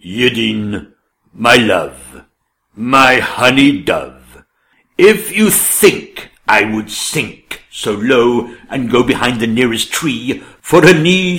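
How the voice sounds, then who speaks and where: A man's voice: mid-range voice, fairly bright tone. An actor playing a pompous, greedy, blustering king in a theatrical rhyming comedy, relishing every word. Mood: scornful. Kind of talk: theatrical rhyming comic drama.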